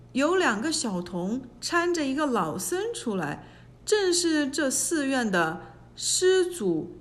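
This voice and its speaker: Slow, lively high-pitched woman storyteller. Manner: expressive, unhurried storytelling. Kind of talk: scripted storybook narration.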